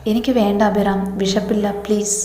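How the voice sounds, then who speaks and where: A woman voicing a tearful, heartbroken young woman who speaks softly and pleads. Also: mid-range voice, completely flat delivery, brisk, soft background music, natural voice. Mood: pleading. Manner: soft, pleading. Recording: echoey hall reverb.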